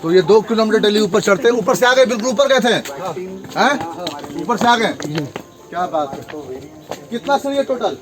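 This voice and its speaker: A man's voice: high voice, lively intonation, moderate pace, pauses often. A man from Bihar, chatting encouragingly as he hikes outdoors up a hill path, slightly out of breath. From Bihar, India. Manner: chatty, encouraging, talks while hiking uphill. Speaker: trekking vlogger. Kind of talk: casual chat while trekking. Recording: music playing underneath.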